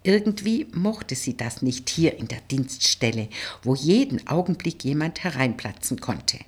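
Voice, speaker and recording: A woman reads a novel aloud in a husky, low voice. Her delivery is expressive, with lively rises and falls in pitch. It is a storytelling audiobook narration. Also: a little slow.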